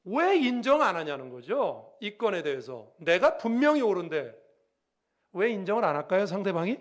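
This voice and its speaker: A man's voice: sits high, moderate pace. A middle-aged man preaching a sermon as pastor, telling stories with acted-out voices and asking the congregation questions. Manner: lively storytelling, acting out quoted voices; asks the congregation questions directly.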